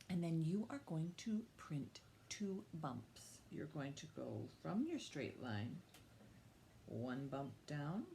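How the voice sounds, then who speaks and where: Reading to young children and teaching them, this librarian storytime host relies on simple, repeated, encouraging phrases. She has a fairly low, slightly mellow voice, and the recording carries a little hiss or hum.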